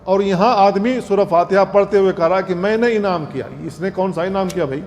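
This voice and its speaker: A male Islamic scholar giving an earnest religious lecture, repeating points and slowly demonstrating recitation. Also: high-pitched, a little mellow. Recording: long hall reverb, faint noise.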